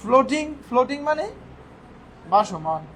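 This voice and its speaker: A man's voice: very high-pitched, very animated, moderate pace, fairly bright tone, rough recording. A male teacher giving a classroom vocabulary lesson, firing questions at his students and answering them himself. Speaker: English teacher. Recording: faint background noise.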